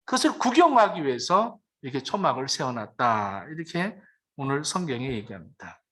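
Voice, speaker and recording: A woman's voice: rumbling low, sing-song, moderate pace, a bit bright, slightly rough. A woman pastor preaching a sermon. She explains scripture, poses questions and answers them herself, and sometimes acts out the people she quotes.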